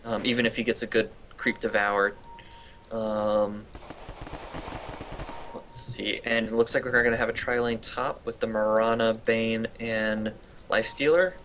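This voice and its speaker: A man's voice: on the low side, steady tone, measured pace, fairly bright tone, a little hiss or hum. A young man casting an esports match, talking casually with fillers and easy laughs. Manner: chatty, laughs easily, trails off with fillers. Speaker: esports caster. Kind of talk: casual game commentary.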